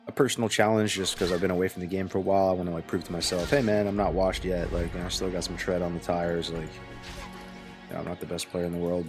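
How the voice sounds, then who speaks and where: Sleepy male streamer, very low voice, rambling laid-back chat, faint music behind. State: sleepy, yawning. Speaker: game streamer. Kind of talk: casual live-stream chat while playing.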